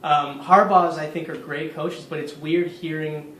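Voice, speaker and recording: A man co-hosting a podcast in loose, casual chat, his voice sitting a little high. He keeps it relaxed, trailing off and starting his sentences over. The room sounds roomy, with a faint hiss underneath. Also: measured pace. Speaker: podcast co-host.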